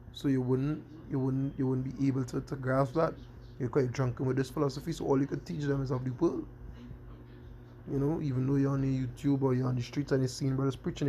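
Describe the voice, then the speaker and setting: Male street preacher, gravelly fry, keeps asking "you understand?". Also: medium pitch, mellow, a little hiss or hum. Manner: repeats "you understand?" constantly. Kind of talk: scripture-quoting sermon.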